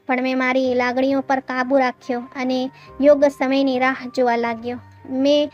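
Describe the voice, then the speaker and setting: Young policeman in disguise, calm and explanatory, high flat delivery, read by a woman, faint music behind. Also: lo-fi sound, natural voice.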